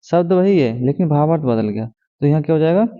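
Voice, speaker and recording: A man teaching a grammar lesson, who keeps asking rhetorical questions and answers them himself, repeating key words and slowing down to read examples. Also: a little high, lively intonation, dark tone. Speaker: exam coaching teacher. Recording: tinny phone-like sound with long reverb.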